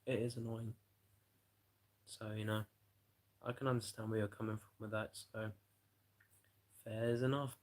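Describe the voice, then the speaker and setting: A man's voice: on the low side, little pitch movement, unhurried, pauses often, darkish tone, poor audio. A tired man rambling and swearing through a late-night live stream chat, yawning as he talks. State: exhausted. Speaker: livestreamer.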